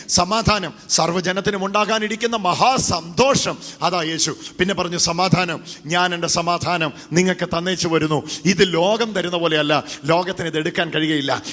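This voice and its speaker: A man's voice: sits high, normal speed, hardly any pauses, fairly bright tone. A man preaching a call-and-response sermon into a handheld mic, urging the congregation to repeat after him. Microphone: handheld microphone. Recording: echoey hall reverb.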